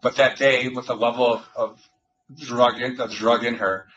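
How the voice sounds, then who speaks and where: Muffled, low-key male police interrogator. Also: fairly even intonation, a bit bright, a little hiss or hum. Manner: low-key, measured, coaxing. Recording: muffled interrogation recording, music behind.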